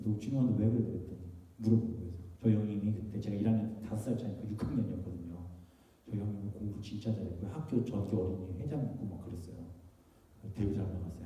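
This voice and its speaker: A man's voice: deep voice, mellow. A man preaching a sermon as a pastor, telling a childhood story with acted-out quotes and questions to the congregation. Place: church sanctuary. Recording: echoey church hall from a distant mic.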